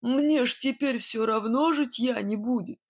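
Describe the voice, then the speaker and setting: A woman voicing a gruff, boastful male robber whistler in a storybook reading, blustering and later menacing. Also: a little high, measured pace, darkish tone, no room sound. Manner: blustering, then grim and menacing. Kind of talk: audiobook character voice.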